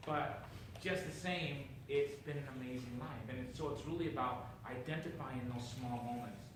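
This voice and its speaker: A man's voice: mid-range voice, moderate pace. Upbeat middle-aged man from Chile, very echoey. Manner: upbeat, earnest, restarts phrases. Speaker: guest author. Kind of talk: interview answers. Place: studio with audience. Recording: very echoey, distant mic, noisy.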